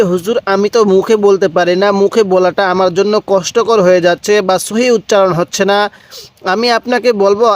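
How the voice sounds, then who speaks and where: A man's voice: sits high, no room sound. A man teaching Quran reading, spelling out letters one by one and coaxing the listener to repeat aloud, with a Bangladeshi Bengali accent. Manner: spells out letters slowly, then blends them; coaxes viewers to repeat aloud. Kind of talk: step-by-step spelling lesson.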